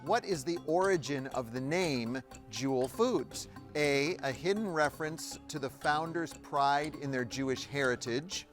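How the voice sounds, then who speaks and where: A man's voice: on the high side, a little slow, few pauses, music in the background. A man hosting a quiz show, reading questions and narrating in a jokey, playful way with frequent laughs. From Evanston, Illinois.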